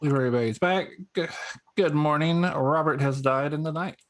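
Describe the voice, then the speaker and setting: A man moderating a game, making brisk procedural announcements to the players. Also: fairly high pitch.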